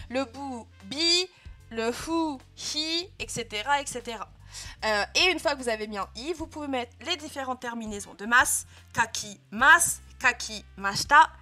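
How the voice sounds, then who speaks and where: Casting note: young female teacher, bright and fairly high voice, patient step-by-step explaining, faint music behind. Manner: patient, clear explaining with frequent "euh" and "hein" checks. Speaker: Japanese teacher. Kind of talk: live online language lesson.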